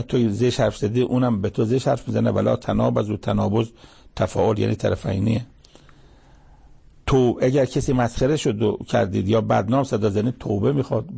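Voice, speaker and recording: A man delivers a sermon, explaining Quranic verses line by line. His voice is heavily gravelly and husky, with a dark, mellow color. He grows animated when he acts out quotes. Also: mid-range voice. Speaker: preacher.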